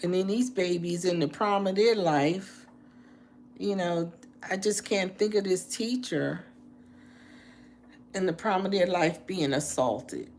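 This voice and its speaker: Slow, heartfelt woman in her sixties. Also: on the low side, a little mellow. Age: 60s. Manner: heartfelt, preachy, repeats phrases. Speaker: live-stream host. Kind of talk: casual live-stream chat with viewers. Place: indoors, apartment.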